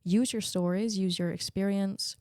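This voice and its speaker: A young woman, a Danish native speaker, is the guest in a casual interview, with a mid-range voice at normal speed. She is candid, animated and quick to laugh. The studio sound is clean with no echo.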